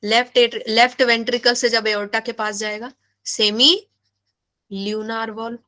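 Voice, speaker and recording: A woman teacher leads a live biology lesson. She speaks slowly in a bright, somewhat high voice. She keeps asking questions and repeating the key terms. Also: little pitch movement. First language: Hindi. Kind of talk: live online class lecture.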